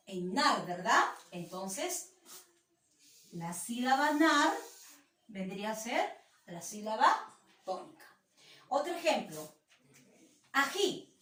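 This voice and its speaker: A woman teacher with a Peruvian Spanish accent giving a class lesson, patient and explanatory, repeating example words slowly. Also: on the high side. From Peru. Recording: echoey room, voice from a distance.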